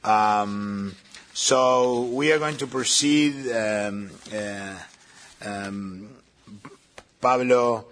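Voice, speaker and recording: Husky, hesitant male moderator. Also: lowish voice, fairly bright tone. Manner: hesitant with many fillers. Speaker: panel moderator. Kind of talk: formal event introductions.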